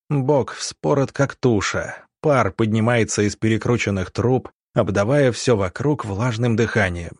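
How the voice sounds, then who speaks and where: A man's voice: medium pitch, darkish tone, no echo. Dry, dramatic male audiobook narrator.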